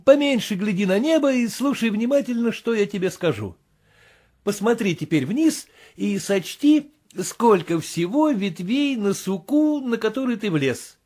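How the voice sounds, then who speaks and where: A man doing a feverish, shouting gentleman. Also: sits high, expressive, a little slow, pitched above the performer's own voice. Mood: excited. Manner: urgent, exclaiming, shouting orders. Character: excitable obsessed male gentleman, feverish and commanding. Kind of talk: audiobook character voice.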